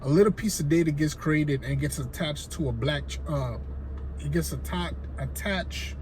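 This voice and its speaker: Speaking to camera in a relaxed, rambling way, a Haitian-accented man who vlogs about finance keeps checking in with "right?" His voice is on the high side at a normal speed, set against a noisy background.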